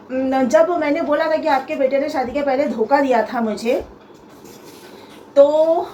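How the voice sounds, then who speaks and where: A young woman telling a personal story on her vlog, aggrieved and emphatic, repeating herself and pausing often to restart. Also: high-pitched. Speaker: vlogger. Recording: echoey room with faint ambient noise.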